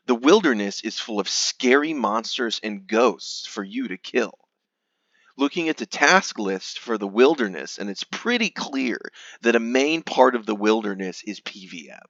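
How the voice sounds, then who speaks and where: A man reads aloud in a hammy, theatrical stage-actor manner, mock-grave, with emphatic swells and hushed drops. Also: fairly low pitch, very animated, measured pace, no room sound, muffled recording. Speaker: reader of a gamer's forum post. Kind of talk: theatrical dramatic reading.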